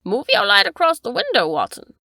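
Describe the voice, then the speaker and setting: A woman voicing a stern, commanding aristocratic English gentleman who interrogates forcefully. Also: medium pitch, big pitch swings, brisk, dry recording, studio quality.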